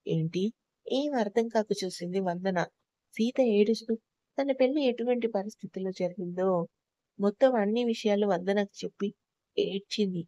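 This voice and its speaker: Mellow-voiced woman narrating a story. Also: mid-range voice, moderate pace, no echo. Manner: steady expressive reading. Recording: slightly dull lo-fi recording, dry.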